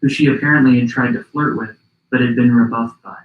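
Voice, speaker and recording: A man narrates a documentary podcast in a measured, reflective read. His voice sits in an ordinary middle pitch. The recording is roomy and a little muffled. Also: steady tone.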